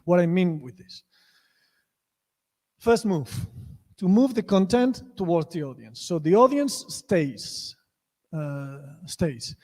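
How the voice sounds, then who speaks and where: A man with a Spanish accent, a native Spanish speaker, giving a conference lecture with many restarts and self-corrections. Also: high-pitched. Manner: many restarts, acts out story lines loudly. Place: lecture hall. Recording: reverberant lecture hall.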